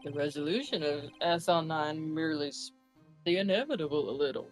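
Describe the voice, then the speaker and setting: A woman's voice: deep voice, a little fast, soft background music, lightly acted. A woman voicing a smug, jovial middle-aged male police chief in a fan game playthrough, drawing out her lines in a teasing way.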